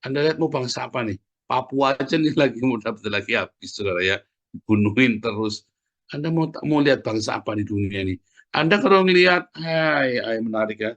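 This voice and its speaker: A middle-aged man preaching a sermon, often adding "Saudara ya" and dropping from loud peaks to quiet asides. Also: expressive, fairly quick, lo-fi sound. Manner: conversational preaching, often tagging phrases with "Saudara ya"; swings from loud emphatic peaks to low asides.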